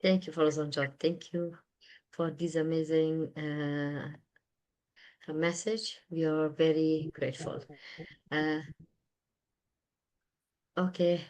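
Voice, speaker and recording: A woman moderating a video call, giving brief thanks and quick handoffs to the speakers. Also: deep voice, level tone, darkish tone.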